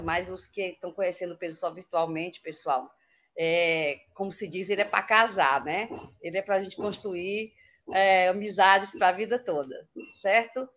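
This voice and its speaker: Woman hosting a video call, lower voice, gushes over the guest, muffled audio. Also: a bit bright. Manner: effusive, gushing praise. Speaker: course coordinator introducing speaker. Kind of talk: warm introduction.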